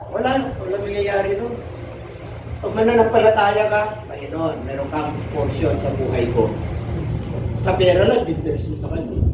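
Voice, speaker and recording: Filipino male pastor, high voice, preaching sermon, echoey far-off muffled church recording, noisy background. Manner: mixes Tagalog with English, asks the congregation questions. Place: church hall.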